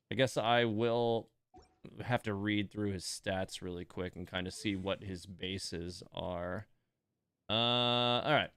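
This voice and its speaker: Reading game text and musing over the details, a man hosts a casual gaming stream full of asides. His voice is mid-range, slightly bright, clear and resonant, with no room sound.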